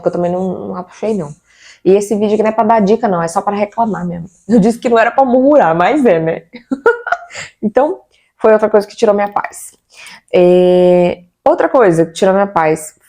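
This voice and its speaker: A woman's voice: medium pitch, warm tone. Exasperated chatty Brazilian woman. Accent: Brazilian Portuguese. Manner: chatty and exasperated, with rhetorical questions. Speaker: vlogger. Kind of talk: casual venting to camera.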